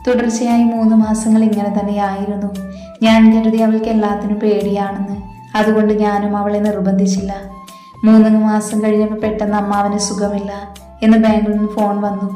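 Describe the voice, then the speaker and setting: A woman storyteller narrating an emotional story in a steady, scripted way. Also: mid-range voice. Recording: roomy echo with soft music.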